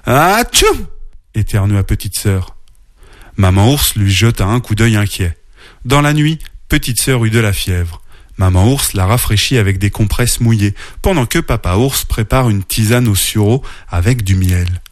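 A man narrating a children's storybook aloud in a playful, expressive read-aloud manner. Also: on the low side, moderate pace, dry recording, studio quality.

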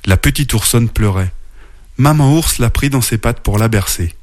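A man narrating a children's storybook aloud in a playful, expressive read-aloud manner. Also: medium pitch, moderate pace, dry recording, clean studio sound.

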